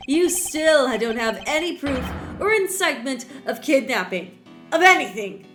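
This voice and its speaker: A woman's voice: high-pitched, expressive, unhurried, music in the background. A woman putting on a gloating male villain. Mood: sneering. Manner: mocking, gloating, sneering. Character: smug scheming male villain, taunting and gloating.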